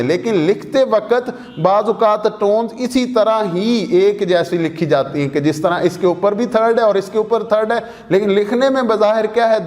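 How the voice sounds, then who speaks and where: A man teaching Chinese tones, explaining slowly and repeating points to his students. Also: high voice, a little mellow. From Pakistan. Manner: slow, repetitive explaining with questions to students. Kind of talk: explaining lesson at a whiteboard. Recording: long reverb in a hall-like room.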